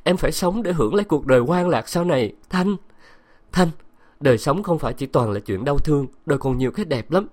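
A man voicing a desperate young lover who pleads and nearly shouts. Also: fairly high pitch, expressive, a little fast, voice pushed up. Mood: pleading.

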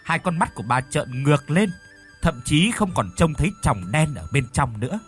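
A man's voice: a little high, sing-song, moderate pace, faint music behind. A man narrating a horror audiobook expressively, voicing the characters as he reads. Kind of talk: dramatic horror story narration.

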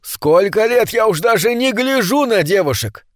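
A man's voice: high-pitched, lively intonation, moderate pace, no room sound, studio quality, pitched above the performer's own voice. A man voicing an eager middle-aged nephew who exclaims and frets.

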